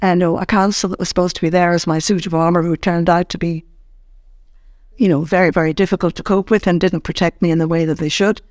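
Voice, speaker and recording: An older woman from Ireland, a former ombudsman, recounting her career in an interview with measured, halting phrasing and many restarts. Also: fairly low pitch, steady tone, darkish tone, dry recording, studio quality. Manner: measured, searching for words with frequent restarts. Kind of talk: reflective interview storytelling.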